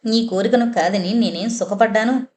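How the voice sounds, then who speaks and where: A woman's voice: mid-range voice, normal speed, a little mellow, close to an everyday voice. A woman voicing a grieving, torn young blind woman in an audiobook novel, with a tearful, pleading delivery. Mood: anguished.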